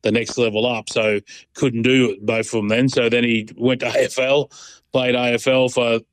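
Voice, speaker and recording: A middle-aged Australian man, a proud sporting dad, chats as a guest on a casual phone-in interview. His mid-range voice stays fairly flat in pitch and moves at a normal speed with no echo. He talks in a laid-back, rambling, colloquial way.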